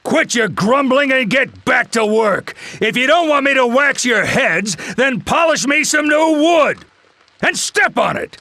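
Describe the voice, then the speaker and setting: An actor playing a gruff, hot-tempered old furniture-mill boss, shouting in a game. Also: male voice, very high-pitched, expressive, unhurried, dry recording, full character voice. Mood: yelling angrily. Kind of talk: game voice acting.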